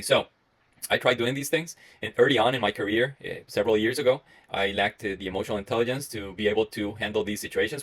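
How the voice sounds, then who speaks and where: With a lowish voice and a Costa Rican Spanish accent, this man in his thirties from Costa Rica works as a medical resident. Talking alone to the camera, he reflects earnestly, rambling along with frequent pauses and restarts.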